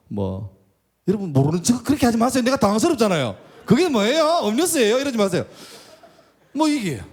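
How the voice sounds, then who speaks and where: A middle-aged man preaching a storytelling sermon as pastor and school chaplain, acting out the voices of the people he quotes. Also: on the high side. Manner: animated, acts out quoted voices. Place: church sanctuary.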